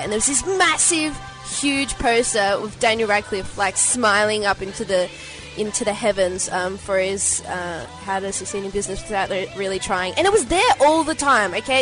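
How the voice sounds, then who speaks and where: A woman's voice: medium pitch, fairly bright tone, low-quality recording. An eighteen-year-old woman with an Australian accent, hosting a podcast in a casual, chatty way. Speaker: podcast host.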